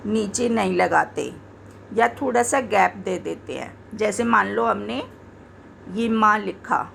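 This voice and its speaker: A woman teaching Hindi spelling, slowly and patiently saying each example word again to show how it sounds. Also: a little high, vocal fry, a bit bright, a little hiss or hum. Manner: slow, patient, repeats words to show pronunciation. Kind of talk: explaining grammar to learners.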